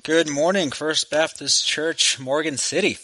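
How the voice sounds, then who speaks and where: A man's voice: a little high, a little slow, bright, forceful tone, low-quality recording. A man in his forties from Texas, preaching a sermon to a church congregation in a friendly, conversational way with many restarts. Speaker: guest preacher. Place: church sanctuary. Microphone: microphone.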